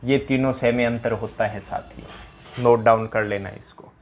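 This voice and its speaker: A man's voice: mid-range voice, steady tone, normal speed. A male teacher giving a pronunciation lesson, drilling students with repeated questions. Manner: drills with repeated questions, mimics rural dialect speakers for laughs.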